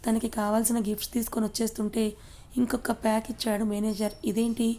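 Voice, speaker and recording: A woman narrating a romance audio story as its storyteller, reading in an even, gentle way. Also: a little high, fast talker.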